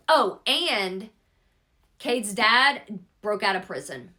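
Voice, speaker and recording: A woman's voice: medium pitch, animated, slow pace, sharp tone. A woman giving a casual, rambling book recap, swearing freely and filling gaps with "like" and "blah, blah, blah". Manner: rambling, profane, peppered with "blah, blah" and "like". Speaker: book reviewer.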